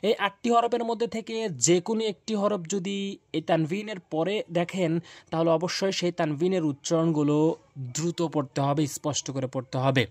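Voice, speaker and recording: A man teaching Quran pronunciation in a spoken video lesson, drilling syllables slowly and repeatedly with hesitant pauses. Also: on the high side, fairly even intonation, a little mellow, no echo. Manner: slow, repetitive drilling of syllables with frequent "ah" pauses.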